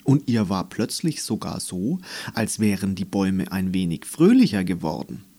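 A man reading a storybook aloud as narrator in a gentle, expressive way. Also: low voice, normal speed, breathy edge.

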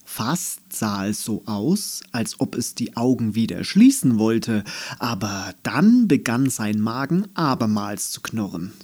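A man narrating a children's story in German, reading in a slow, expressive manner. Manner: slow, expressive, lively pitch.

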